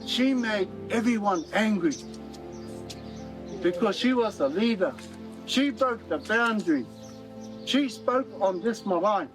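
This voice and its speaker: Slow, high-voiced New man telling history. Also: poor audio. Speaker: storyteller of local history. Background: music.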